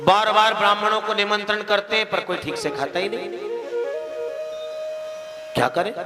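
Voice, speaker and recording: A man preaching as a devotional storyteller, lively and chuckling, repeating phrases for effect. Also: high-pitched, moderate pace, loud music behind the voice. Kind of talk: religious storytelling discourse.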